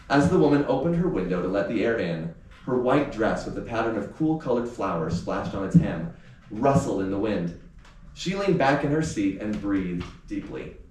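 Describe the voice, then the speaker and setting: At a live book event in an indoor venue with a small audience, a male author and teacher chats informally and reads his story aloud. He has a lowish, slightly mellow voice. The room is very echoey, the mic distant, and there's faint noise.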